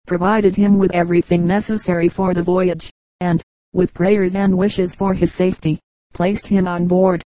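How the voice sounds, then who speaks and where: A woman reading a history book aloud as scripted narration, at a measured, even pace. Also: on the low side, no echo, rough recording. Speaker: audiobook reader.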